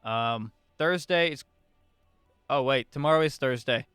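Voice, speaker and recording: A young man co-hosting a comedic radio talk show, playful and full of halting fillers and restarts, speaking into a studio microphone. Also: mid-range voice, fairly bright tone, clean tone, dry recording, faint music behind.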